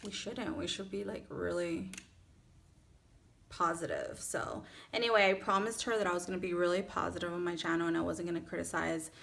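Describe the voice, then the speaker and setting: A woman's voice: on the low side, steady tone, fairly quick, creaky, a bit bright. A woman in her thirties with a Miami accent, chatting casually and informally through a makeup tutorial. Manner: chatty, informal, self-accepting. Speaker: beauty vlogger. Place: small furnished room at home, indoors.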